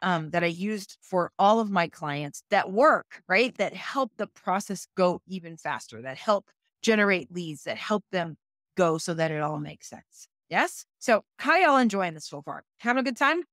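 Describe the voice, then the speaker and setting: A woman's voice: mid-range voice, lively intonation, unhurried, a bit bright, no room sound. Chatty woman coach, dry sound. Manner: chatty, keeps checking in with viewers; reacts to viewer comments aloud. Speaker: business coach. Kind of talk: live online web class.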